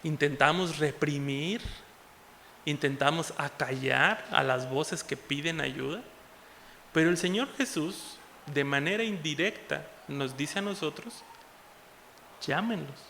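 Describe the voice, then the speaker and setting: A man with a Mexican Spanish accent preaches with fervor, his voice pitched high and bright. He swings from ringing exhortation to quiet asides. The sound carries a long church-hall reverb. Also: unhurried, vocal fry, slight background noise. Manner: impassioned, swings between loud exhortation and soft asides. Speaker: pastor. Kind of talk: sermon.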